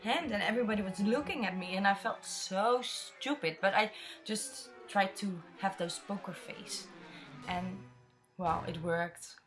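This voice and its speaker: A Dutch woman in her twenties answers viewer questions in a vlog, chatting openly and rambling through stories in her Dutch accent. Her mid-range voice is a bit bright and a little slow, with soft background music.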